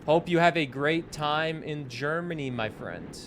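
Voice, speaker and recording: This fairly high-pitched male voice belongs to a New Englander in his twenties who talks a little slowly, with background noise behind him. He's gaming on a live stream, lively and chatty, reading his chat aloud and responding to it.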